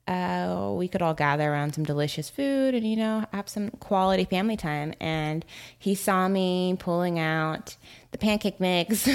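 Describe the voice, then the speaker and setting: A woman podcast host telling a personal story in a casual monologue, laughing often and acting out the voices she quotes. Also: lowish voice. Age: adult.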